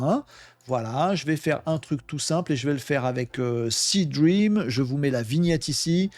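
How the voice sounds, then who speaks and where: French guy rambling through a demo, bit higher voice, dry close mic, lots of euh. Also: a little mellow, no room sound. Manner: chatty, thinks aloud, many fillers and self-talk. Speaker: tech video host. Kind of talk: casual screen-share demo.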